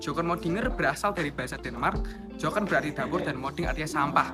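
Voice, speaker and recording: Guy racing through his history notes, higher-ish voice, music loud. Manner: quick, read-aloud. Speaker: student presenter. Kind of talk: reading a history explanation. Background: loud background music.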